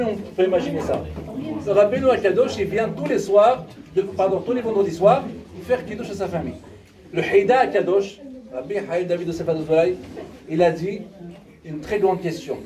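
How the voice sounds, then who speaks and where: A man, giving a storytelling sermon at a memorial gathering and acting out the dialogue. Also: sits high. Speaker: rabbi giving a talk. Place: gathering hall with audience. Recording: distant mic with crowd noise.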